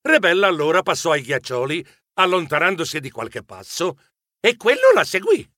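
Guy reading a kids story, bright high voice, bouncy and playful, dry sound. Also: wildly swooping pitch, normal speed, no echo. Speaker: narrator. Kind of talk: children's audiobook narration.

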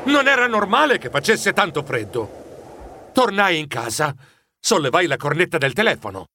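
A man narrating a children's story in an expressive, dramatic first-person style. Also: a little high, normal speed, slight background noise. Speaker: audiobook narrator.

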